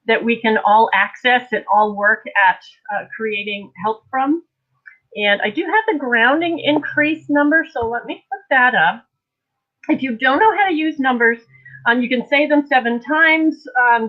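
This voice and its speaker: High-voiced woman, rambling, on tinny audio. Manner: rambling, scattered, informal. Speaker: host, energy healer. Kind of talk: casual live-stream guided energy healing session. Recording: tinny, narrow phone-like audio.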